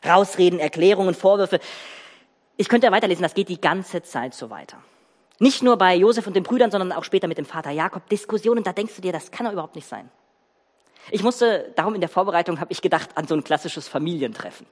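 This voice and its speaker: A preacher delivers a sermon in a long, ringing hall, the voice sitting at an ordinary middle pitch. The telling is animated and emphatic, with lists of words thrown out and pauses held for effect. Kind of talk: sermon with dramatic Bible reading. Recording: reverberant church hall.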